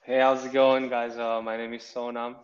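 A man's voice: medium pitch, level tone, moderate pace, muffled recording. A 21-year-old man from Nepal, a podcast guest chatting casually in a meandering, easygoing way. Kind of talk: casual interview chat.

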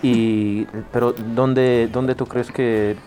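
A man's voice: medium pitch, little pitch movement, extremely slow, mellow. A man hosts a casual radio chat in a playful, teasing way, bouncing words back at his guest. His voice sits in a middle range. Faint music plays underneath. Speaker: radio host.

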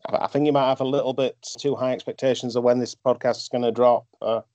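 Male podcast host, mellow, medium pitch, casual chat, dull lo-fi sound. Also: fairly even intonation, quick pace, no echo. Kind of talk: casual wrestling review chat. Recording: dull, dry lo-fi microphone.

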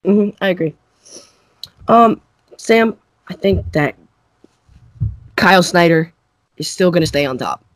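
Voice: medium pitch, lively intonation, dry recording. Hesitant co-host in dry sports chat. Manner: hesitant, thinks aloud, quick agreements. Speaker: podcast co-host.

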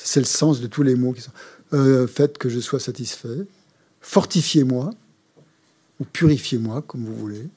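Male Buddhist teacher, mellow voice, halting course delivery. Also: medium pitch, breathy edge. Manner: hesitant, frequent fillers and repeated words. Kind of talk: explaining a mantra in a course.

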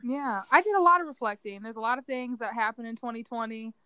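A woman in her thirties co-hosts a casual podcast chat in a fairly high voice. The recording is dry and close, with no room sound. She talks bluntly and teases her co-host. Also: fast talker, pushed and bright, clean tone, dry recording. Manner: blunt, teasing.

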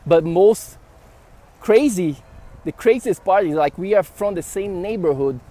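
A man's voice: high-pitched, unhurried. Brazilian-accented man telling a rambling story. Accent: Brazilian Portuguese. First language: Portuguese. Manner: animated, rambling with fillers and restarts. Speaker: podcast host. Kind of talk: casual storytelling to camera.

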